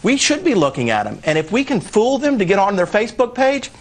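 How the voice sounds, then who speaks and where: A man appearing as a former prosecutor on a television legal panel, his voice pitched a bit high. He talks in a blunt, combative way with a mocking edge. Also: sing-song, brisk, slight background noise. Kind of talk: news panel commentary.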